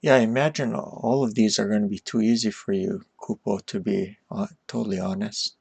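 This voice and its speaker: A man casually chatting with viewers on a live stream while going through shogi puzzles, talking them through at an easy, unhurried pace. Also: on the low side, fairly even intonation, vocal fry, a little mellow, husky, no echo. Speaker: streamer teaching shogi problems.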